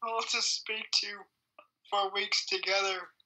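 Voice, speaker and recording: Giggly bright-voiced girl reading a script. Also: medium pitch, steady tone, a little slow, rough recording. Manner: giggly, crude joking between stumbling script lines. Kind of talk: amateur play read-through among friends.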